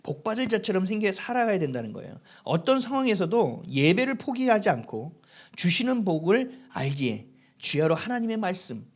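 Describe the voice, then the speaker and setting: A middle-aged man preaches from the pulpit with an animated, expressive delivery. His pitch swings widely as he acts out little quoted exchanges between points. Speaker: pastor. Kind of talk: sermon.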